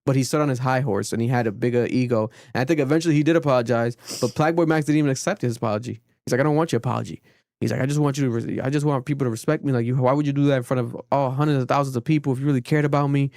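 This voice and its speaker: A young man hosting a casual podcast, telling stories in an animated way and acting out what other people said. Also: mid-range voice, racing, no echo, studio quality. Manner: animated storytelling, acts out quotes. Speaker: podcast host.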